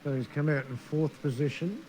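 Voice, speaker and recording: A man's voice: a little high, moderate pace, dark tone. A man calling a sim race in casual commentary, blunt and joking with his co-hosts. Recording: noisy stream audio.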